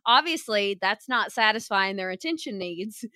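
A woman's voice: medium pitch, lively intonation, moderate pace, sharp tone, clean tone, no echo, clean studio sound. A woman in her thirties hosting a podcast, chatting casually and animatedly about her kids, laughing often. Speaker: podcast host. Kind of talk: casual chat.

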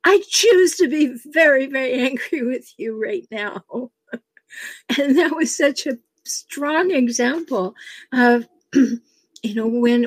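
An older woman who works as a relationship coach speaks in a fairly high voice with a breathy edge, and there's no room sound. She gives earnest advice and shares personal stories, chuckling now and then as she tells them.

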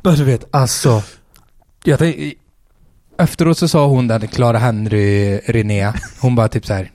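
A man's voice: mid-range voice, steady tone, a little mellow, no echo, studio quality. A man, a stand-up comedian telling a story in casual chat, swearing freely and acting out the quotes.

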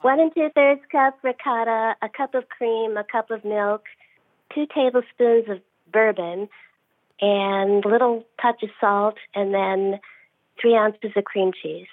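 Woman, phone caller, tinny narrow line, dry sound, brisk and matter-of-fact. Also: medium pitch, fairly even intonation, dry recording. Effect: heard over the phone. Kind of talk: casual call-in chat.

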